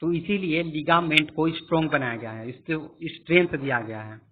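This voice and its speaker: Brief: male teacher, somewhat high voice, repetitive explanatory lecture style, phone-quality sound. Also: normal speed. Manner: explanatory, repeats points and quizzes listeners. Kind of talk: classroom lecture with screen annotation. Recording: tinny phone-like audio.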